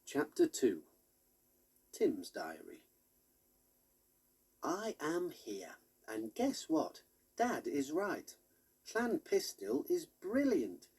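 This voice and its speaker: A man reading a children's storybook aloud in an expressive, animated way. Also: on the high side, drawn-out words, pauses often, slightly rough. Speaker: audiobook narrator.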